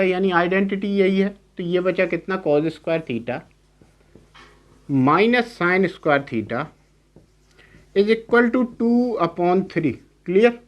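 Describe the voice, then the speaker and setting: A man's voice: sits high, muffled recording. A male math teacher giving a lecture in Hindi mixed with English terms. He keeps asking short checking questions and repeats each key term. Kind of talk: classroom-style lecture.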